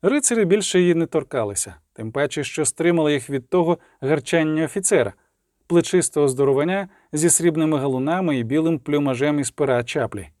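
A man narrating an audiobook in a steady, measured storytelling voice. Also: fairly high pitch, no room sound, clean studio sound. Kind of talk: scripted narration.

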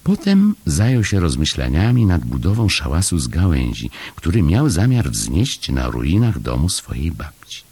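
A man narrating a children's storybook in a calm, measured and gently expressive way. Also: rumbling low, husky. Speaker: audiobook narrator.

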